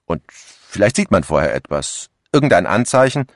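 An uneasy middle-aged office worker who muses aloud in a hesitant way, read by a man in his own very low voice. The recording is dry, with no room sound. It sounds like an audiobook. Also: big pitch swings, moderate pace, no room sound. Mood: musing. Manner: hesitant, musing.

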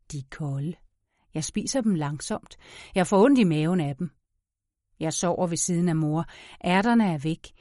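A woman narrating an audiobook in a measured, expressive storytelling manner. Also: lowish voice, dry recording, clean studio sound.

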